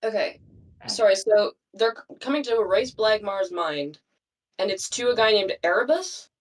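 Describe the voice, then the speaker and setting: A woman's voice: mid-range voice, moderate pace. Woman player, kinda far from the mic, keeps double checking stuff, says sorry a lot. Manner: unsure, checking details, apologetic. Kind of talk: casual tabletop game talk.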